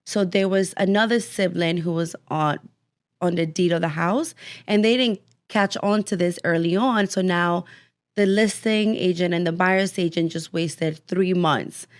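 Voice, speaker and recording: A woman's voice: lowish voice, a little slow. Chatty woman explaining title insurance. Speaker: title company guest. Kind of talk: casual podcast interview.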